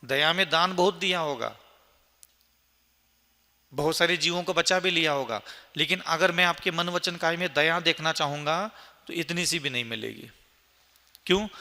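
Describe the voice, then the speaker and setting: A man's voice: fairly high pitch, bright, forceful tone. A man, a monk, preaching to an audience in an earnest, emphatic way, using lists and rhetorical questions. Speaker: Jain monk giving a Q&A discourse. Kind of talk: sermon answering questions. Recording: long hall reverb.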